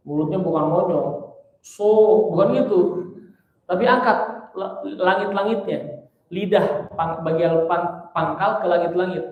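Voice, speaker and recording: A man teaches pronunciation at an unhurried pace, his voice sitting a little high. He patiently drills each letter sound again and again. The recording carries the heavy echo of a big mosque hall. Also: a little mellow. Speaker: Quran teacher. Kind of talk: tajwid lesson with spoken demonstrations.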